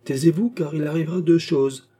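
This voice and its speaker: A man doing an unflappable ironic gentleman. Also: a little high, steady tone, voice pushed up, natural voice. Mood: calm. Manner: smooth, unhurried, politely ironic. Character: calm unflappable gentleman, mildly mocking.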